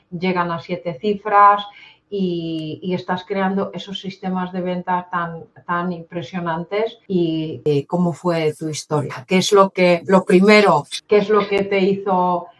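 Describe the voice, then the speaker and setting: Slow-talking Spanish host woman. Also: on the low side. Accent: Spain Spanish. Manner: warm, halting, with many fillers. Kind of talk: interview introduction. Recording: dull lo-fi sound.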